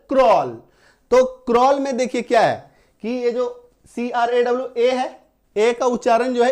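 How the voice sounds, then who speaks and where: A man's voice: extremely high pitch, darkish tone. A man teaching an English spelling lesson, spelling words out letter by letter, repeating each rule and often checking whether it is understood. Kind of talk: classroom-style spelling lesson.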